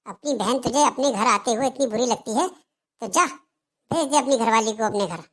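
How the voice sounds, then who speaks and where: A woman's voice: on the high side, moderate pace, close to an everyday voice. Woman voicing a melodramatic nagging mother-in-law. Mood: scolding. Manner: taunting, melodramatic wailing. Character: nagging older mother-in-law, dramatic and complaining. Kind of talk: Hindi cartoon dialogue.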